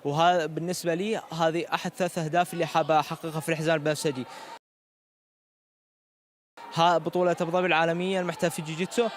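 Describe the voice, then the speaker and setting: Emirati male athlete, earnest post-match interviewee, higher-than-average voice, faint venue noise. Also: level tone, racing. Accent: Emirati Gulf Arabic. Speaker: competing athlete being interviewed.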